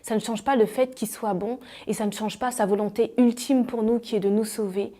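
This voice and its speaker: A woman giving an earnest personal faith testimony, speaking haltingly with frequent fillers. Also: a little high, fairly even intonation, mellow.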